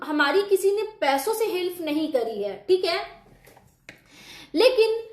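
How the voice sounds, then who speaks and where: High-voiced indignant woman in an echoey room. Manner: indignant, argumentative, addresses her target directly. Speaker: reaction video host. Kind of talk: casual spoken commentary.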